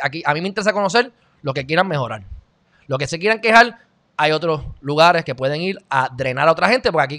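A man's voice: fairly high pitch, fairly bright tone. A man with a Puerto Rican accent hosting an opinionated commentary monologue, blunt and lecturing. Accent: Puerto Rican Spanish. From Puerto Rico. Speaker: commentary show host.

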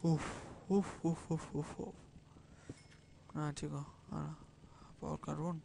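A man with a Spain Spanish accent giving rambling, excitable let's-play commentary, swearing and singing nonsense syllables as he plays. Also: a little high, slow, vocal fry, slight background noise. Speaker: gamer.

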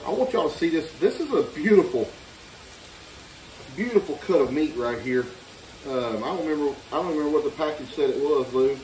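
A man's voice: a little high, animated, fairly quick, a little mellow, a little hiss or hum. A middle-aged man co-hosting a home cooking video, joking and bantering while he cuts meat. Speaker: cooking show co-host. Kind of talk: casual home cooking chat. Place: home kitchen, indoors. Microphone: far camera across the room. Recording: echoey kitchen from far off.

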